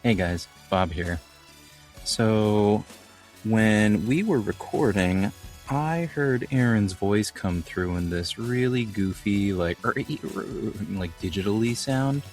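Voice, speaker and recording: A man co-hosting a casual gaming podcast, chatty and jokey, rambling playfully. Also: deep voice. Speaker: podcast co-host.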